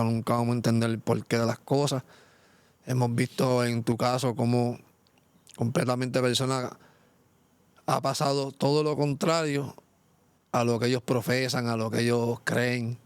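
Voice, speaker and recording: A man's voice: mid-range voice, clean tone, no echo. Man hosting a faith interview. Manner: supportive, brief affirmations and reflective comments. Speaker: interview host.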